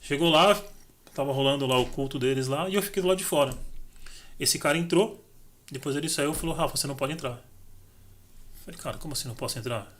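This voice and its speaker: A middle-aged man talks quickly and a little high, telling his story to a podcast host. He acts out each exchange and switches into the other people's lines as he goes. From Brazil. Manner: animated, acts out dialogue in his stories. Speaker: podcast guest. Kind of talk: casual storytelling.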